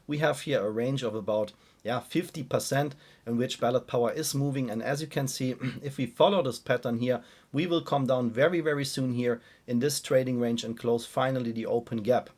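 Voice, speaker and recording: A man hosting an informal market commentary speaks at a medium pitch. His voice is on the weak side. He repeats his phrases and keeps addressing the listeners directly. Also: a little fast, darkish tone, slightly rough. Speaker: host of a stock analysis video channel. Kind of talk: informal chart commentary to viewers.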